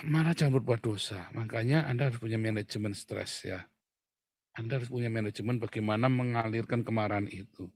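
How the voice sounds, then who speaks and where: Man, middle-aged, pastor, casual joking sermon, gravelly voice, dry sound. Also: brisk, no room sound. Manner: joking, swings between low murmurs and loud shouts.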